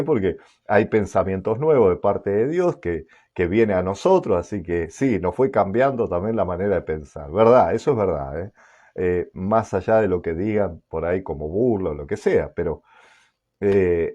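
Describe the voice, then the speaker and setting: A man preaching slowly in a dark, mellow voice. His pitch swings widely as he repeats key words and keeps asking his listeners for agreement. The recording sounds dull and lo-fi. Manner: repeats words and asks "¿sí?" often, with many "eh" fillers. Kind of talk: sermon.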